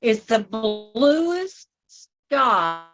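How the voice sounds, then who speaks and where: A woman's voice: on the high side, very animated, very slow, fairly bright tone, muffled recording, faint music behind. A woman chatting casually on a video call, her audio glitching, breaking up and freezing. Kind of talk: casual chat.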